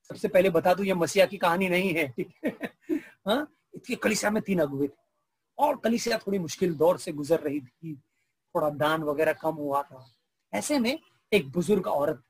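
A male pastor preaching a sermon, telling a story with lively prompts to his audience. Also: high-pitched, husky, no echo.

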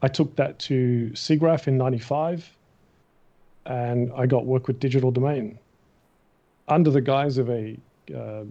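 A middle-aged Australian man, a guest in a casual interview, telling stories in an animated way and acting out the voices of the people in them. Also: medium pitch, a little slow. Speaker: guest, matte painter. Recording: dull, muffled recording.

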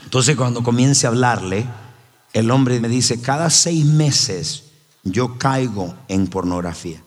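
Predicador enfático en una iglesia con eco. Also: male voice, a little slow. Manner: emphatic, storytelling, voice swings high and low. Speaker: pastor. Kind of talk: sermon. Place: church hall. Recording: roomy hall reverb with faint ambience.

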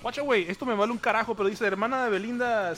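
High-pitched northern Mexican man bantering in slang. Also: very fast, a bit bright. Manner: slangy, mixes in bro and man. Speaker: show host. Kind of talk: casual banter.

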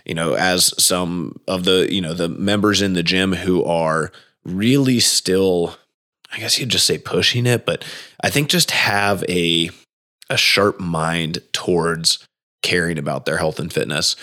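A man's voice: deep voice, a little slow, bright, forceful tone. A man in his late thirties hosting a podcast, talking enthusiastically and loosely, with lots of fillers. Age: 30s. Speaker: podcast host. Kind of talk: casual podcast chat.

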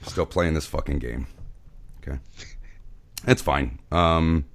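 Deep-voiced man with blunt deadpan teasing. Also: slow. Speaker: podcast host. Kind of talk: casual comedic banter.

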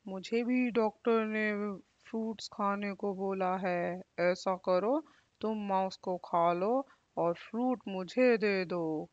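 A woman voicing a big, hungry male wolf in a storybook tale, speaking slowly and with a threat. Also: medium pitch, fairly even intonation, no room sound, muffled recording, natural voice. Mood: bossy. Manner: slow, threatening.

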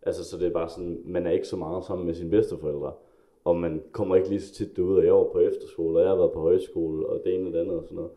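A man's voice: deep voice, flat delivery, warm tone. A man co-hosting a podcast and talking in a reflective, earnest way. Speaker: podcast co-host. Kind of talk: casual chat. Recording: echoey room.

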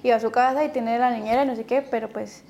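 A woman's voice: a little high, steady tone, fast talker, gravelly, dark tone. A woman hosting a podcast interview, chatting casually and dropping short acknowledgements. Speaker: podcast host.

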